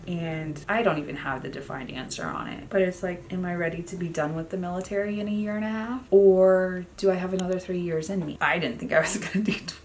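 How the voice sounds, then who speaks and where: A woman's voice: lowish voice, creaky, darkish tone, a little hiss or hum. A woman in her thirties chatting candidly in a get-ready-with-me vlog, reflective and rambling with many asides. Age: 30s. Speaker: beauty vlogger.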